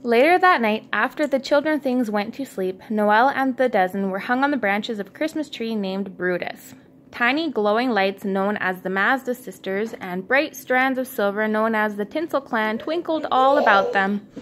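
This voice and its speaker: Reading a storybook to her little one at home, this mother has a fairly high, somewhat bright voice at normal speed. She keeps things encouraging and poses questions to the child, and faint background noise can be heard.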